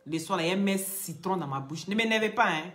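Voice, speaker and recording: A woman talking casually to her viewers, animated and scolding, going from loud outbursts to quiet pleading. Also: fairly low pitch, brisk. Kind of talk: casual chat, addressing viewers.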